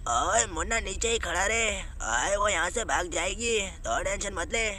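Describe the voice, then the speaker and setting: A man's voice: sits high, animated, moderate pace, bright, forceful tone, a little hiss or hum. A man doing a bossy scolding cartoon buddy. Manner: bossy, scolding, starts lines with "aaye". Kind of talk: comic Hindi voice acting over gameplay.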